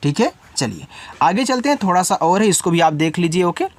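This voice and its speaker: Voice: medium pitch, sing-song, a little fast. Teacher patiently spelling out English words. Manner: spells words letter by letter, then explains meaning; talks directly to the learner, informal. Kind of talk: step-by-step spelling lesson.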